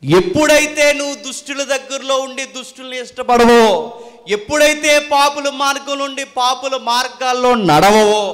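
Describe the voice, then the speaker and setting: Brief: male preacher, very high voice, fiery and scolding, long hall reverb. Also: moderate pace, fairly bright tone. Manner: fiery, scolding, rhetorical questions to the congregation. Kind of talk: sermon.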